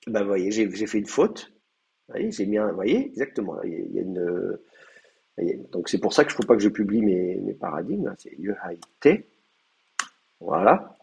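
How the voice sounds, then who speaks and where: A man's voice: fairly low pitch, big pitch swings, fairly quick, vocal fry, darkish tone, a little hiss or hum. Man, French accent, lecturing, hesitant, lots of fillers, restarts. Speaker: teacher. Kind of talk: university lecture.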